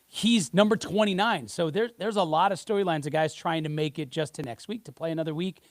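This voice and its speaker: A man hosting a golf talk show, chatting casually and quickly with fillers, running through the week's storylines. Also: on the high side, no echo. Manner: quick, conversational, lots of "you know".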